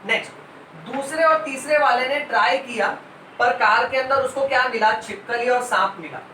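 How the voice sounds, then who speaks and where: A woman's voice: sits high, moderate pace, bright, forceful tone, slight background noise. A woman teaching biology exam tricks, encouraging and repeating key words, often calling the listener "beta". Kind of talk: exam-prep lesson with memory tricks. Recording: roomy echo, mic at a distance, faint ambience.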